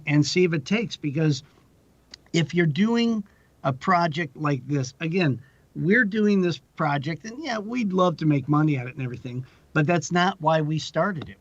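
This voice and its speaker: An actor and producer in his sixties appears as a podcast guest, offering casual advice in a rambling, self-deprecating way and often repeating himself. His voice is a little high. The audio is dull and lo-fi, with no room sound.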